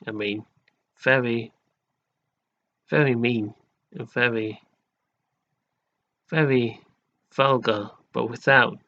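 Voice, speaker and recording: A man in an aggrieved, halting vlog rant who keeps repeating himself and restarting his sentences. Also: medium pitch, creaky, sharp tone, highs cut off. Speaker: vlogger. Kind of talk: slow, halting rant to camera.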